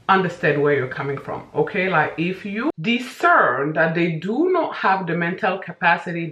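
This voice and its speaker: A woman's voice: sits low, a bit bright. Echoey, emphatic woman chatting while doing makeup. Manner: emphatic, big-sisterly advice-giving with repeated "okay?"; talking while applying makeup. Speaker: vlogger giving life advice. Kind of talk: casual chatty get-ready-with-me monologue. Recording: roomy indoor echo.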